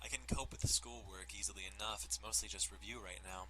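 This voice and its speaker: Talking fast in a lowish, steady voice, a man reads through a visual novel as a let's player, informal and prone to joking asides laced with swearing. Loud music plays beneath him, leaving the background noisy.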